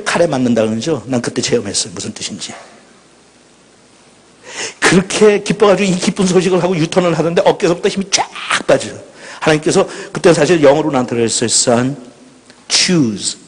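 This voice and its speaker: A middle-aged man preaches with raw passion, lurching from near-shouts to hushed confessions. His voice is husky and sits high for a man. It rings with long reverb through a large retreat hall. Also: quick pace. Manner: dramatic, swings from shouting to hushed. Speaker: pastor. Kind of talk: impassioned sermon storytelling.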